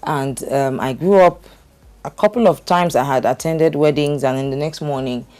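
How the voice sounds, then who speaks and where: A woman's voice: sits low, normal speed, a little mellow. Hesitant middle-aged woman telling her story. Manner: hesitant, with frequent fillers and restarts. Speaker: guest sharing her life story. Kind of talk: candid conversational storytelling.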